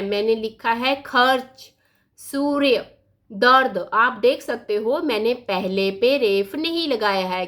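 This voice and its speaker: Woman teacher going thru grammar real slow, kinda high voice, sounds out every letter. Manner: patient, spells out sounds one by one. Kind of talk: slow blackboard lesson.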